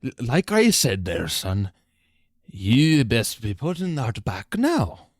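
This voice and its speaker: A man's voice: mid-range voice, huge pitch swings, takes it slowly, no room sound, studio quality, exaggerated voice. A man voicing a stern male shopkeeper who curtly orders a customer away from his goods. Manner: curt, dismissive, ordering people off.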